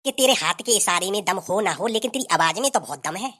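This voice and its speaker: A woman voicing a teasing, meek adult husband in a cartoon, in a lowered, soft mock-male voice. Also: lively intonation, fast talker.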